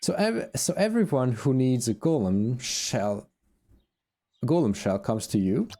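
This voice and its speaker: A man's voice: mid-range voice, very animated, measured pace, warm tone. A man voicing a proud, boastful female asura quarry leader in a fantasy game, talking down with scorn. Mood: haughty. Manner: haughty, scornful.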